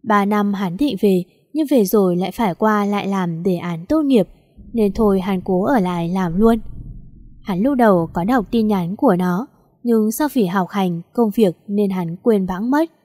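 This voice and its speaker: A woman narrating a story in a plain, even storytelling manner. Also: mid-range voice, moderate pace, dry recording, studio quality.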